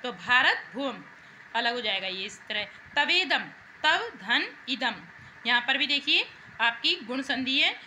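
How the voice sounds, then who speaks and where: Explaining answers to Sanskrit exercises, this woman teacher speaks at normal speed in a fairly high, bright, forceful voice. She stays patient, repeats points, and keeps asking her class questions. Slight background noise comes through on the low-quality recording.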